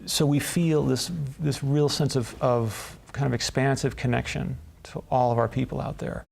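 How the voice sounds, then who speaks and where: A man talks about the school he runs in a reflective, measured way. His voice is gravelly, and he leans on small fillers. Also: medium pitch, fairly even intonation, a little mellow. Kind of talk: promotional interview.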